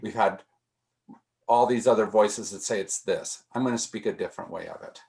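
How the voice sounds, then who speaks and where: A man's voice: fairly low pitch, moderate pace, vocal fry, darkish tone. A man leading a casual group discussion, thinking aloud with frequent restarts and repeated words.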